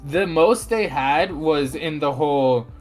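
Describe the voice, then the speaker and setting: A man chatting on a podcast, talkative and quick, often saying "like". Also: fairly high pitch. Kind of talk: casual podcast chat.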